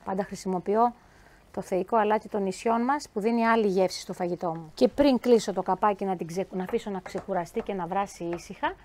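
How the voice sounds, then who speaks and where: A woman chef giving a cooking demonstration, talking lively and chatty, speaking straight to her viewers. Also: mid-range voice.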